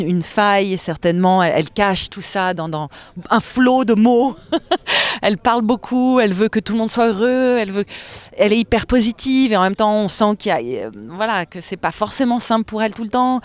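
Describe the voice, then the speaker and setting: A stage actress from France speaking in an interview, enthusiastic and expressive, laughing often between thoughts. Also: female voice, mid-range voice.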